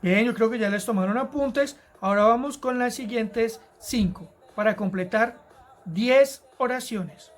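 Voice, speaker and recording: A woman teaching an English grammar lesson to Spanish-speaking students, explaining rules patiently and repeating key words slowly. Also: a little high, faint music behind. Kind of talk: recorded grammar lesson narration.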